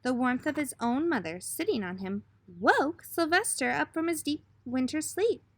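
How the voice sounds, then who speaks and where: In a clean recording with no room sound, a woman with a high voice reads a children's storybook expressively. Like a teacher with young listeners, she breaks off to ask them questions along the way.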